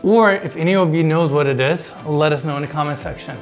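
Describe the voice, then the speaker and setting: Over music, a high-leaning man's voice moves at a quick pace as this thirties host gives a casual tour of a large indoor basement. He's enthusiastic and talkative, speaking directly to viewers through a lapel mic.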